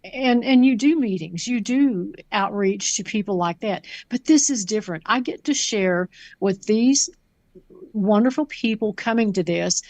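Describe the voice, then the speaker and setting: A woman's voice: mid-range voice, a little slow, a little mellow, no echo. A woman conference speaker talking sincerely and reflectively. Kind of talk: casual chat.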